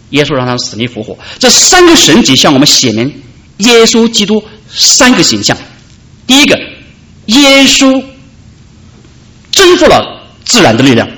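A man preaching a sermon, calling out loudly at high points and dropping soft in between. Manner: preaching with dramatic rises and soft drops. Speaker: pastor.

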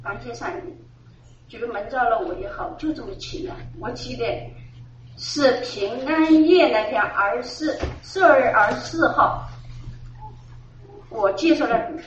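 A middle-aged woman with a high voice gives an earnest church testimony, circling back to the same phrases and laughing now and then. She sounds far from the mic in a roomy space, and the recording is dull and muffled. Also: expressive, a little slow, slight background noise. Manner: earnest, repeats phrases, laughs while telling. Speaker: church member giving testimony. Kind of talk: personal religious testimony. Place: church gathering. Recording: echoey, distant, dull room recording.

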